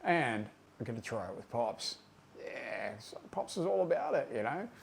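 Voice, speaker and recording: A man's voice: mid-range voice, very animated, normal speed, vocal fry, a little hiss or hum. Laid-back man telling a tale. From Australia. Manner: laid-back, profane, conversational with fillers. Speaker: tattoo artist storyteller. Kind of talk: casual anecdotal storytelling.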